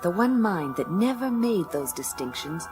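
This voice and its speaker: With music under the voice, an actress narrates as a tough, wisecracking woman detective in a radio play, her delivery dry, blunt and slangy. Her lowish voice is very animated and moves at a moderate pace.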